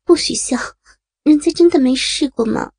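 A woman's voice: sits high, moderate pace, darkish tone, no echo, studio quality. A woman voicing a shy, prim young married woman who answers with bashful, pouting protests.

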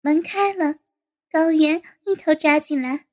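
Woman narrator, very high voice, steady storybook reading. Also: measured pace.

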